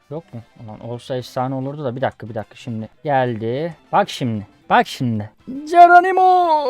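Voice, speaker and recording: A young gaming YouTuber with a medium-pitched, darkish voice commentates his own gameplay in a casual let's-play, swearing at the game and telling viewers to watch. He's recorded on a desk USB condenser microphone.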